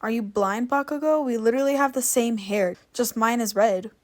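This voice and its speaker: A woman's voice: a little high, steady tone, moderate pace, lightly acted. Woman voicing a teasing teen boy, cheeky, a bit irritated, storybook reading.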